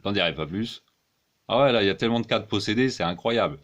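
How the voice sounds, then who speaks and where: A man's voice: on the low side, animated, fast, dull audio. A man delivering a rambling, crude comic monologue as a one-man-show performer, full of exclamations.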